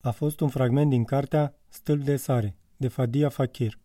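A man narrating a literary audiobook in a measured, calm way. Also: mid-range voice, no echo, clean studio sound, recorded from a distance.

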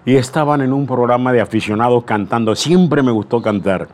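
Older veteran announcer telling stories. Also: male voice, mid-range voice, fairly quick. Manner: animated storyteller, acting out dialogue, restarts. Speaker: veteran radio announcer, guest. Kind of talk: anecdotal interview storytelling.

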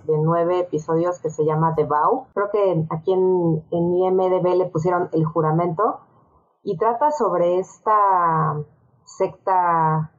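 Lower-voiced woman on a lo-fi line. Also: fairly even intonation. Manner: thoughtful, halting, many fillers. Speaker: podcast guest. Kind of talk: casual chat. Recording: dull lo-fi sound.

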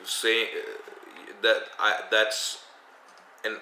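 Young male co-host, low and bright, halting and reflective, faint room noise. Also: steady tone, vocal fry, echoey room, low-quality recording. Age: young adult. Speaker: podcast co-host, DJ. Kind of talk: casual group chat.

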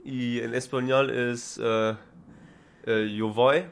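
Recounting his travels in a casual interview, a young man from Germany struggles through non-native French, halting and often repeating himself as he hunts for words. His mid-range voice is gravelly and steady, with a German accent tinged by Spanish.

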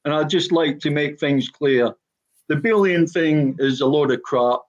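An older Scottish man with a broad Glaswegian accent and a slightly high-set voice. He reminisces in a blunt, plain-spoken way as a guest on a panel. The sound is dull and lo-fi, like an internet call. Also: a little slow. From Glasgow, Scotland. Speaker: former professional footballer, podcast guest. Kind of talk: personal reminiscence on a panel talk.

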